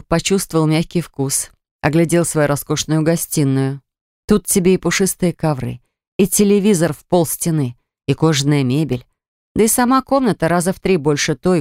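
An audiobook narrator reading a family drama in an even storytelling delivery. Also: mid-range voice, no room sound, clean studio sound. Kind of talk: scripted narration.

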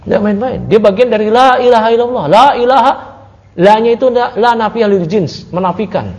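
A man teaching an Islamic study class, talking casually with his listeners and swinging from low asides to raised, emphatic points. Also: brisk. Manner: conversational, asks the audience, swings from low to raised emphatic tones. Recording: muffled audio recording.

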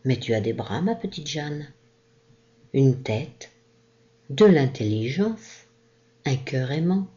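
A woman reading aloud, voicing a gentle, kindly old sea captain with a caressing, reassuring manner, on a dull lo-fi recording. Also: very deep voice, very animated, slow pace, pauses often, full character voice.

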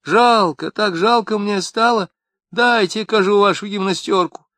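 A plaintive young wife with speech, her voice pushed high and strained with grievance, as a male reader puts her on. The recording is close and dry. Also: a little slow, fairly bright tone, no echo. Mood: tearful. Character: young woman, tearful, quick-tempered, southern speech.

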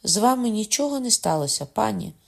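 A man reading an audiobook voices an excited young countess, calling out loud and high. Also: moderate pace, close to an everyday voice. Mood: relieved. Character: excited young countess, breathless lady-in-waiting.

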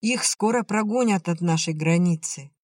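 A man's voice: sits high, normal speed, no room sound, studio quality. A man voicing a frightened, naive young woman in a storybook reading. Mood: anxious. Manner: anxious, naive.

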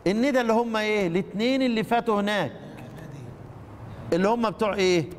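A man with an Egyptian Arabic accent leads a lesson, his voice sitting high for a man. He keeps questioning his listeners and repeats phrases as he goes. The sound rings out with a long reverb, like a large hall. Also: fast, a little hiss or hum. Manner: quizzes the class and counts items aloud; repeats phrases while teaching. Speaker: teacher of Quran recitation. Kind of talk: classroom lesson explaining a text.

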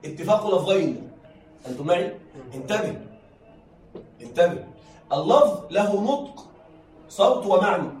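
A man's voice: high-pitched, lively intonation, normal speed, long pauses, a little mellow, soft background music. A man teaching a classroom lesson, stretching key words for emphasis and often checking that his students are following. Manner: repetitive, keeps checking that listeners follow. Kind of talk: classroom lecture. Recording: roomy, distant mic, faint noise.

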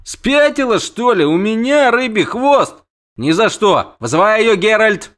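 A man voicing a loud, imperious, lovesick nobleman in an audiobook, barking commands. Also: high voice, very animated, measured pace, pitched above the performer's own voice, heavily acted. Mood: indignant. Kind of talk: audiobook character voice.

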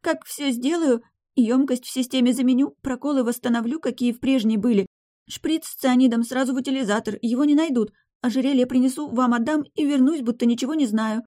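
A woman voicing a frightened young woman who pleads in a high, trembling voice. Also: a little fast, warm tone, natural voice. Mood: nervous.

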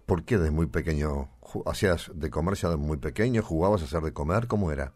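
A man's voice: extremely low pitch, brisk, darkish tone, no room sound, faint music behind. A man hosting a radio interview, chatty and playful in his questions. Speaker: radio host.

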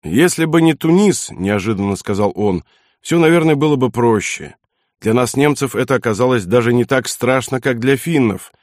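A man voicing a blunt, self-assured German SS general who talks in a gruff, commanding way. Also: mid-range voice, animated, moderate pace, darkish tone, no room sound, clean studio sound, close to an everyday voice. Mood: grumbling.

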